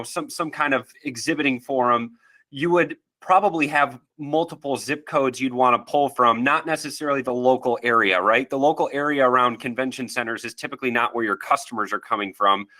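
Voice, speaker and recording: A man's voice: mid-range voice, pushed and bright. A man with a stuffy, nasal voice from allergies, presenting a webinar in a casual, friendly way with frequent fillers.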